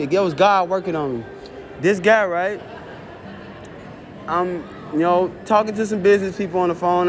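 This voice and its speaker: Man, high-pitched, cussing and rambling, show host, faint traffic outside. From Chicago. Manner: profane, rambling storytelling. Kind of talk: casual monologue.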